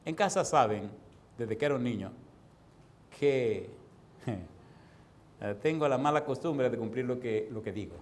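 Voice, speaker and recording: A man with a Dominican accent preaching a sermon as a pastor, telling personal stories, bursting out loudly and then slowing down, laughing often as he speaks. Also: mid-range voice, a little hiss or hum. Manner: storytelling preacher, sudden loud outbursts and drawn-out slow phrases.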